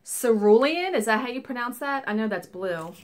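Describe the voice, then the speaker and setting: A woman's voice: a little high, animated, moderate pace. Chatty woman showing off a craft haul. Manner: chatty, enthusiastic, rambling asides. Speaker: cross-stitch vlogger. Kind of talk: casual show-and-tell haul. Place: small home craft room, indoors.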